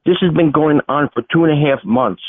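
A man in his sixties from Brooklyn comes through a buzzy, glitchy phone call, thin and tinny with no room around it. His voice sits a bit high for a man, and he pushes his point in a halting, insistent way, circling back to the same words. The line crackles as it cuts in and out. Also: dry recording. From Brooklyn, New York. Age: 60s. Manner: insistent and halting, repeating himself. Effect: buzzy, glitchy phone call audio. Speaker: caller with a shipping complaint.

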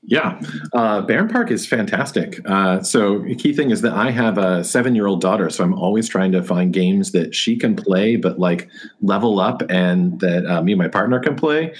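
A man's voice: low-pitched, moderate pace, husky. A man in his thirties or forties chatting informally as an interview guest, thinking aloud as he goes. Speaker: guest, board game designer and artist. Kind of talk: casual interview chat.

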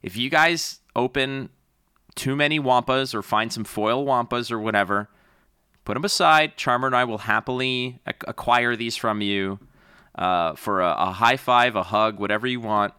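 A man's voice: medium pitch, moderate pace, bright, forceful tone, clear, resonant tone, no echo, studio quality. A man co-hosting a podcast about a card game, chatting in an upbeat, rambling way with lots of fillers. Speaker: podcast co-host. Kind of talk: casual chat.

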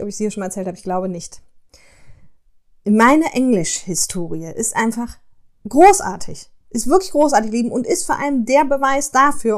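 A woman hosting a podcast, telling personal stories in a chatty, expressive way and speaking directly to her listeners. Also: fairly high pitch. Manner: chatty, expressive, addresses listeners warmly as "ihr Lieben". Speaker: podcast host. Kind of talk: casual personal storytelling.

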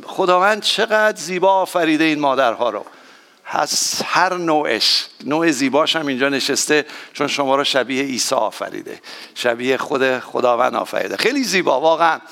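A man, a pastor, giving a sermon to his congregation in a lively, familiar way. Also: fairly high pitch, creaky, big-room sound. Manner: warm, excitable, addressing the congregation directly. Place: church hall.

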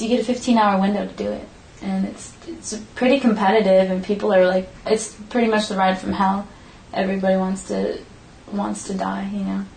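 A woman's voice: medium pitch, gravelly, a little mellow. A young woman telling a story in casual chat, rambling, swearing freely and saying "like" a lot. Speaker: friend in conversation. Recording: roomy with faint background noise.

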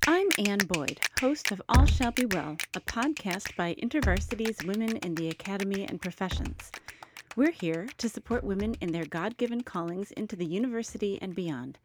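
A woman's voice: medium pitch, expressive, moderate pace, very noisy. A woman podcast host reading a scripted, welcoming opening.

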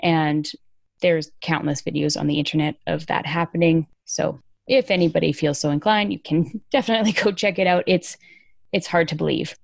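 A woman's voice: sits low, fairly even intonation, moderate pace, gravelly, no echo, clean studio sound. A woman hosting a podcast, talking through news in an informal, emphatic, conversational way. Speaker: podcast host. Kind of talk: casual conversational news commentary.

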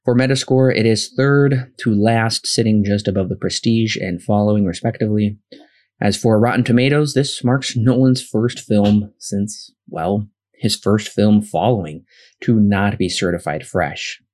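Lower-pitched man narrating film facts. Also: a little slow, a little mellow. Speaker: podcast host.

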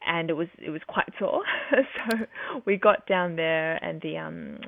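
A woman's voice: deep voice, unhurried, gravelly, phone-quality sound, a little hiss or hum. A woman casually telling the story of giving birth, chatty, with frequent laughs and restarts. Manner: chatty, laughs often, many fillers and restarts. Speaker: guest sharing a birth story.

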